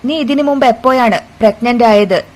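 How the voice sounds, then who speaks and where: A woman reads out a domineering middle-aged mother-in-law, harsh and demanding as she interrogates. The voice sits a touch high. It is a told story rather than a staged drama. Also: normal speed, a little mellow, natural voice. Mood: angry.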